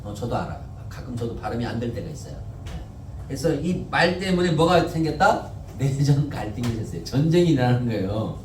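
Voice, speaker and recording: A man's voice: mid-range voice, expressive, a little fast, darkish tone, a little hiss or hum. A male pastor preaching a Sunday sermon in a conversational way, often asking the congregation questions and answering them himself. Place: church sanctuary. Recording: echoey church, mic at a distance.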